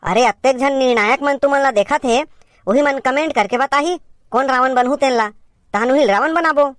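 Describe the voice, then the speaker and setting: A woman's voice: high-pitched, moderate pace, no echo, clean studio sound. A woman with a Chhattisgarhi accent performing a comedy sketch as a bossy teacher who scolds and directs her pupils.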